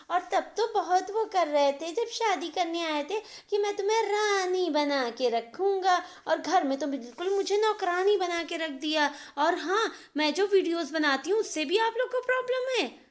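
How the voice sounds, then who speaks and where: A woman voicing a spoiled, sulky young married daughter who complains in a whiny, shrill way.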